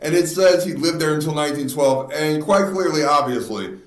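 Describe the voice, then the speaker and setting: A man's voice: a little high, normal speed. A man hosting a casual podcast, reading out a true crime story with frequent laughs and stumbles over words. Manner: laughs often, slips on words and restarts. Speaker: podcast host. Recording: echoey room.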